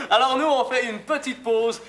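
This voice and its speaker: A chipper Québécois TV quiz host oozes showbiz bounce. His voice sits very high and shines bright, swooping up and down through every line of the sketch parody. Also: lively intonation, unhurried, a little hiss or hum, full character voice. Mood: chipper showman. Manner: bouncy, exaggerated showman delivery. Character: smarmy male TV game show host, chipper. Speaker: game show host. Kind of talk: sketch comedy game show parody.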